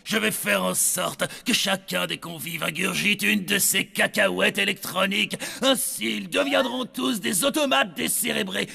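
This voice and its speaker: A man voicing a theatrical, mock-polite, scheming villain in an animated children's cartoon. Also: high-pitched, moderate pace, gravelly, hardly any pauses, breathy edge, soft background music, full character voice. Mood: gloating. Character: scheming, gloating cartoon villain out for world domination.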